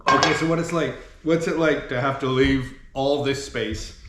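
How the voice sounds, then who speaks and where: A man's voice: mid-range voice, steady tone, moderate pace, fairly bright tone, slight background noise. A man hosting a casual vlog in a chatty, rambling way, in an empty apartment that echoes like a stairwell. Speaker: vlog host. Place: almost empty apartment, indoors. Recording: echoey bare room, like an echoing stairwell.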